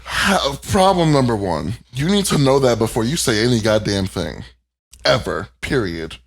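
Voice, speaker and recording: A man's voice: medium pitch, animated, normal speed, vocal fry, a bit bright, a little hiss or hum. A man co-hosting a podcast in casual chat, sassy and emphatic. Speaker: podcast co-host.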